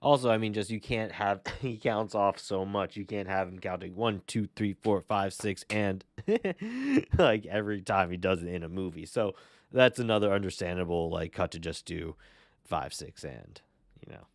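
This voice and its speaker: A man reacting to a video in loose, rambling casual chat, full of "like" and the odd curse. His voice sits fairly low but shoots up when he's incredulous. The sound is dry and close, with no room around it. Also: big pitch swings, moderate pace, no echo. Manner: rambling, filler-heavy, swears freely; rises to high incredulous pitch when riled.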